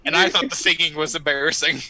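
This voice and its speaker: A man's voice: fairly high pitch, steady tone, fast, pushed and bright, no echo, low-quality recording. A man chatting casually and jokingly as a player in a tabletop game.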